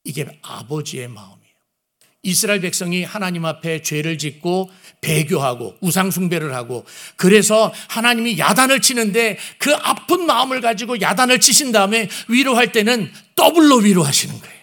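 A man's voice: sits high, expressive, normal speed, fairly bright tone. A man preaching a sermon who asks his listeners questions and acts out the lines he quotes. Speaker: pastor.

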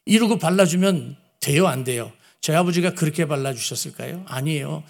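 A man's voice: on the high side, animated, brisk, gravelly. A man preaching a sermon who asks his listeners questions and acts out the lines he quotes. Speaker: pastor.

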